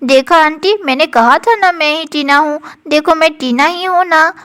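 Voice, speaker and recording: A woman's voice: high-pitched, normal speed, fairly bright tone. A woman voicing a girl doll in new glasses, insistent and rueful.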